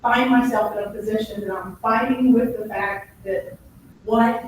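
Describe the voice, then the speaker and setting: A woman's voice: a little high, fairly even intonation, a little slow, a little hiss or hum. A woman who is an elected school board member and a parent, giving a heartfelt, conflicted statement in an emotional, searching way at a public meeting. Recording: echoey room from a distant mic.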